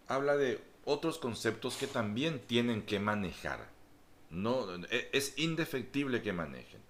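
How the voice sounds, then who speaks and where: A man teaches a grammar lesson at a slow, deliberate pace. His voice swings widely in pitch as he stresses examples. He repeats points patiently and checks in with his listeners.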